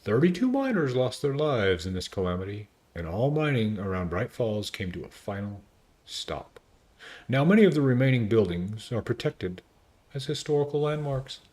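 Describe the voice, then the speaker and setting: A man voicing a solemn male narrator, reading in a slow, dramatic way. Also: medium pitch, big pitch swings, darkish tone, pitched above the performer's own voice, close to an everyday voice.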